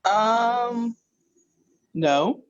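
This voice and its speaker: A woman's voice: a little high, expressive, very slow, no echo, muffled recording. A woman giving plain, matter-of-fact answers as a guest in a casual group discussion. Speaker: first-time guest on a group call.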